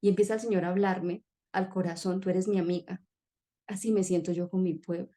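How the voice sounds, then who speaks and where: A woman's voice: fairly low pitch, steady tone, brisk, warm tone. Woman sharing an earnest personal testimony. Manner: emotional, earnest storytelling.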